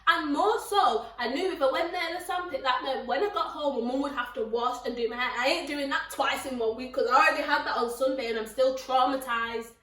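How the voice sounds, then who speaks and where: High-voiced, animated young woman. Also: fairly quick, few pauses, echoey room, distant mic. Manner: animated, laughing, jumps into high mocking voices. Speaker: vlogger. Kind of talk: casual storytelling to camera.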